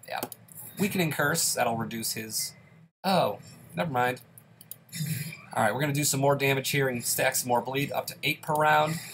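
A man with a stuffy, congested voice gives let's play commentary from the host's seat. His pitch sits in the middle for a man. He chats steadily through each move as he plays, with a little faint noise in the background. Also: moderate pace, pauses often, fairly bright tone. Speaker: gaming channel host.

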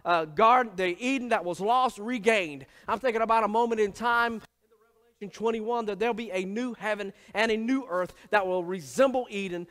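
A man's voice: sits high, a bit bright, long reverb tail. A man preaching as pastor, emphatic, building his points through repeated phrases. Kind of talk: sermon.

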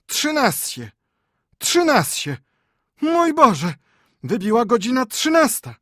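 A man voicing a chorus of tiny, frightened old townsmen, with high, drawn-out wailing. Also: sing-song, fairly bright tone, breathy edge, no echo, clean studio sound, full character voice. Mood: wailing panic.

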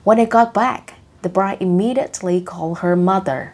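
A woman's voice: mid-range voice, normal speed, a little mellow. A woman narrating short funny stories in an audiobook, reading each line twice, in two languages. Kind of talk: slow bilingual story reading.

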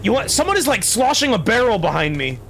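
A man live streaming casual game commentary in an excitable, joking, sweary way. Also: sits high, fast, vocal fry. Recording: music and game sound underneath.

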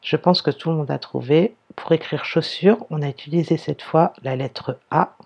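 A primary school teacher giving a slow, careful reading lesson to young pupils, sounding out and spelling words one by one. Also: medium pitch, gravelly, darkish tone, slightly rough, muffled recording.

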